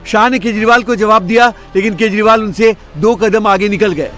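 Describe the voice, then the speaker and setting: A man's voice: sits high, moderate pace, a bit bright, soft background music. A man reading scripted news narration.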